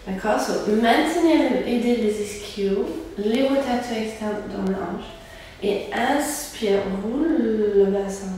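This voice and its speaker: A woman's voice: a little high, takes it slowly, recorded from a distance, slight background noise. Woman cueing Pilates in an echoey studio. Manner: calm step-by-step cueing of breath and movement. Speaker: Pilates instructor. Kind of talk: guided exercise class. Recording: very echoey room, voice from afar.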